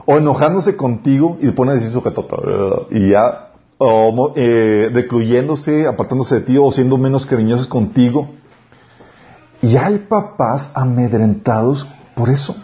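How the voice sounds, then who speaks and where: A man preaching a sermon on parenting, lively, acting out family dialogues. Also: medium pitch, normal speed. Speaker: pastor. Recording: dull lo-fi recording.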